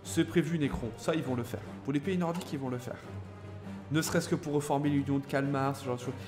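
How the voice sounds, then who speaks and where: Chatty French streamer over background music. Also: male voice, fairly high pitch, fairly even intonation. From France. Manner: hesitant, many filler pauses and restarts; chatty, answers viewers by name. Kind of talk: live gameplay stream reading chat.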